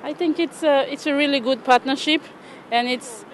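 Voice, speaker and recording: A middle-aged woman from Papua New Guinea with a Papua New Guinean accent, a church program coordinator giving measured, earnest interview answers outdoors. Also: high voice, steady tone. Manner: measured, earnest, with pauses and restarts. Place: outdoors by a stone wall in a city.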